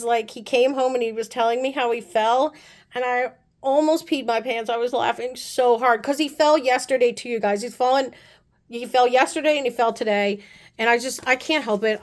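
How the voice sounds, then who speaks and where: A chatty woman talks through a nail art haul in a slightly high voice. She gushes over each item and often drops into soft, low asides. It sounds like a relaxed home video. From United States. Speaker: beauty vlogger. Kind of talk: casual nail haul chat. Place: apartment room.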